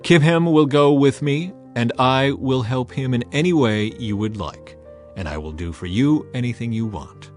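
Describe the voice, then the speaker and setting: A man's voice: medium pitch, expressive, normal speed, soft background music, natural voice. Man acting King David, commanding biblical monarch. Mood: decisive.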